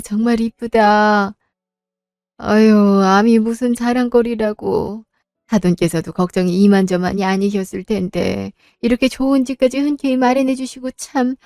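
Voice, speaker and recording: Woman as frail humble old mother, hushed and weary, audio drama. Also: mid-range voice, a little slow, dry recording, studio quality, faint music behind, natural voice. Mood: guilty. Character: frail ailing older mother, humble and guilt-ridden.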